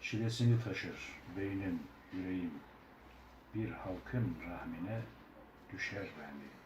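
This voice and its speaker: Man, fairly deep voice, informal chat and verse recitation, echoey shop with noticeable background noise. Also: slow pace, highs cut off. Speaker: preacher attending a book auction. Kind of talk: casual chat and poetry reading. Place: echoey indoor bookshop.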